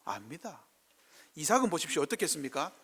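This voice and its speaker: A man's voice: a little high, very animated, fast, fairly bright tone, slightly rough. A middle-aged male pastor with a Gyeongsang Korean accent preaching a sermon, acting out quoted speech in dialect.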